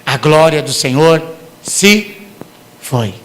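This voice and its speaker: A man with a Brazilian accent preaches a sermon in church. His voice sits high and sounds bright and cutting. He slips into the voices of the scolding parents and desperate sinners he quotes. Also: animated, slow pace. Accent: Brazilian Portuguese. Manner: preaching with big swings from hushed to shouted. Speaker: pastor.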